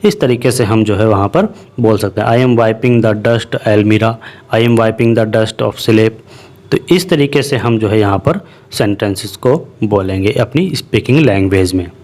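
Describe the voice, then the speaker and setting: An Indian man teaching English in a patient classroom tone. His pitch sits in the middle of the range. He drags out each English example word by word so learners can repeat after him. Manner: explains in Hindi, slowly spells out English example sentences. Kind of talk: spoken English lesson in Hindi.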